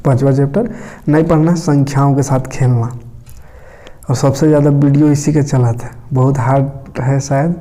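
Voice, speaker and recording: A man's voice: medium pitch, fairly even intonation, moderate pace, mellow. A man from Jharkhand with a Jharkhand Hindi accent, teaching casually and often checking in with his listeners. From India. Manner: conversational, tag phrases like "okay" and "isn't it". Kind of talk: casual explanatory lesson.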